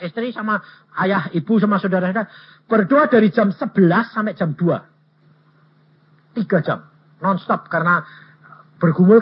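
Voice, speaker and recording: A male evangelist preaching a sermon, telling stories and acting out dialogue in an animated way. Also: high-pitched, husky. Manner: animated, acts out dialogue, raises voice. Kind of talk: sermon with personal storytelling. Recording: dull lo-fi recording.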